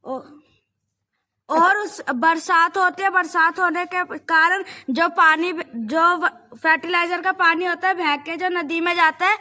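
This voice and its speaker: Earnest schoolboy son played by a woman, very high and bright, declaimed lecturing in amateur street theatre. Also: takes it slowly, full character voice. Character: earnest clever young farmer's son, schoolboy. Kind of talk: amateur street play acting.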